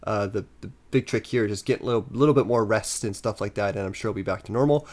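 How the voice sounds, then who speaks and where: A man's voice: lowish voice, fast, a little mellow. A man hosting a casual investing update, a bit stuffed up from a head cold, talking upbeat and straight to his viewers with plenty of fillers. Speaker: investing channel host.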